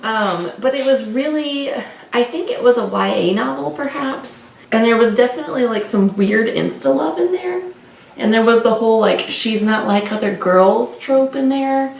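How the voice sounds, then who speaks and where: A woman co-hosting a book discussion vlog chats casually and informally in unscripted, rambling talk, often correcting herself. Her voice is a little high, expressive and creaky, at normal speed. The roomy recording comes from a distant mic with faint noise.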